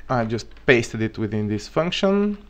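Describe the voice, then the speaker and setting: Teaching programming live at his computer, a native Bulgarian speaker with a Bulgarian accent works through problems aloud and jokes easily into his desk mic. His mid-range voice moves a little slowly.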